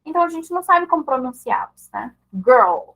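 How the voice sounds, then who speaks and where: High-voiced woman mentoring parents. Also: lively intonation, fast, creaky, sharp tone, poor audio. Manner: conversational, often checks in with short tag questions; acts out example dialogues between parent and child. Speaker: mother teaching her child English. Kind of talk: online mentoring talk.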